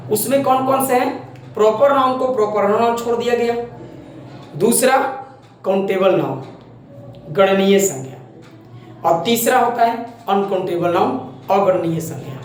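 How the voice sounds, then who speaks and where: A man's voice: sits high, moderate pace, pauses often. A male teacher gives a classroom grammar lesson at a board, repeating terms, spelling them out letter by letter and quizzing his students. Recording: very echoey room, faint background noise.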